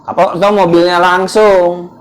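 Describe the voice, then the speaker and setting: An ustaz leads a religious study group at a home gathering, teaching casually and conversationally while quizzing his listeners with questions. His voice sits high with little pitch movement, at a moderate pace.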